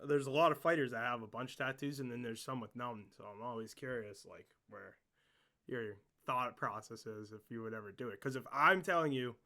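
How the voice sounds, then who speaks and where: A man hosting a casual interview podcast, excitable and joking, swearing often as he asks questions. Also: mid-range voice.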